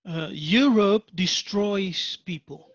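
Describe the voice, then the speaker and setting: High-pitched guy hosting a chat, relaxed, sounds dry and kinda muffled. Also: no room sound. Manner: relaxed, quick to laugh, short agreeing replies. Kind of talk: casual conversation.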